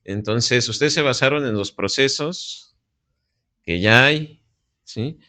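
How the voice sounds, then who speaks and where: A male professor offers classroom feedback in a slow, medium-pitched voice with a sharp tone and no audible room sound. He questions his students constantly to make sure they follow, tagging "¿sí?" onto his remarks again and again.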